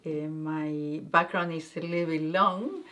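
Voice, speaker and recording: A middle-aged woman from Argentina with an Argentinian accent, a native Spanish speaker, answering interview questions haltingly and searching for words with many fillers. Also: low voice, a bit bright. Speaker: guest, guesthouse owner.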